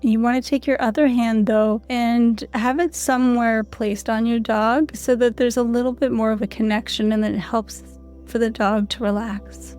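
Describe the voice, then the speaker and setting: A woman calmly guiding listeners through a guided audio lesson in an unhurried, soothing voice. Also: a little high, faint music behind. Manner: calm, soothing, unhurried instructions. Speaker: canine rehab instructor.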